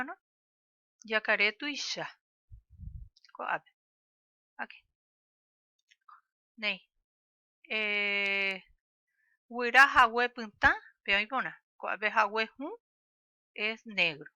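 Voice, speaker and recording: A woman teaching a language lesson, speaking slowly and clearly and drawing out sounds for pupils to repeat. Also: a little high, sharp tone, no echo, dull audio.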